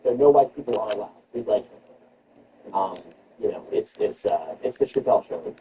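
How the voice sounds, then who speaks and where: A man hosting a comedy show, riffing sarcastically on news items and jumping into high mock-outraged squeals. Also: moderate pace, mellow. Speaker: comedy podcast host. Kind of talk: comedic news riff with retakes. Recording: distant mic with background noise.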